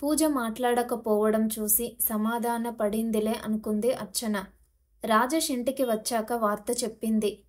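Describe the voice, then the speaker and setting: A woman narrating a family novel in a steady storytelling read. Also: a little high, measured pace. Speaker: audiobook narrator.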